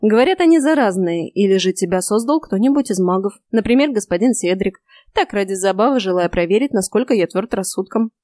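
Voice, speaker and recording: A woman voicing a skeptical, stubborn young man in an audiobook, grumbling and flatly dismissive. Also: mid-range voice, fairly quick, dry recording, studio quality, lightly acted. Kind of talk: audiobook character voice.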